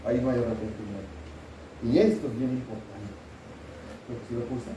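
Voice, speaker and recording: A man's voice: mid-range voice, steady tone, normal speed, echoey room, far from the mic, noisy background. A middle-aged man, preaching a sermon as pastor and asking the congregation questions. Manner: earnest, asks the congregation questions. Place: church sanctuary.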